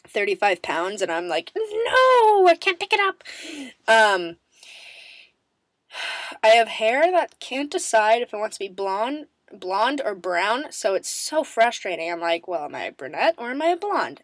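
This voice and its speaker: A woman's voice: medium pitch, dry recording. Woman, bubbly, rambling, self-mocking, scratchy recovering throat, dry close sound. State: raspy voice, recovering from strep throat, coughing. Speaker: vlogger answering viewer questions. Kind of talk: casual rambling chat to camera.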